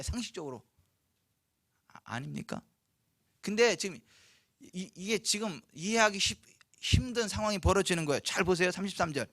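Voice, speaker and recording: A male pastor preaching a sermon, reading scripture slowly and asking the congregation rhetorical questions. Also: high voice, sharp tone, no room sound, clean studio sound. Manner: slow, weighty scripture reading.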